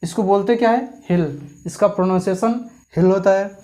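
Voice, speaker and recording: A teacher gives a spoken grammar lesson. They read forms slowly one by one, then explain more quickly and keep quizzing the listener with repeated questions. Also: mid-range voice, fairly even intonation, mellow. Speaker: English teacher.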